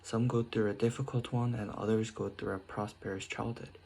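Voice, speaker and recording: A man's voice: fairly low pitch, flat delivery, normal speed, creaky, dark tone, slight background noise. A teenage boy from South Korea reading a prepared essay aloud in short phrases, with small slips and restarts. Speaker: student.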